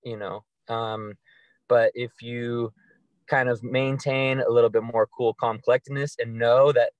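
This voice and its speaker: A man's voice: mid-range voice, fairly even intonation, unhurried, no room sound, lo-fi sound. A man co-hosting a podcast, talking casually and rambling through long sentences with many ums and likes. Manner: rambling, with many fillers and restarts. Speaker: podcast co-host. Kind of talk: casual conversational chat.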